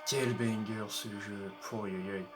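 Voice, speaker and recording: A young man commentating a racing game, playful and excitable, teasing rival drivers and yelping when things go wrong. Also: unhurried, background noise. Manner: playful, excitable, talks to rival drivers, bursts of high yelps. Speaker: gaming YouTuber. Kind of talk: let's play commentary. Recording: faint game music behind.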